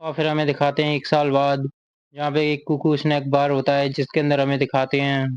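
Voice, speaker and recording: Man narrating a manga recap, crisp voice. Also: fairly high pitch, completely flat delivery, fairly quick, no room sound, highs cut off. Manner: reads character lines in the same plain voice. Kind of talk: casual storytelling recap.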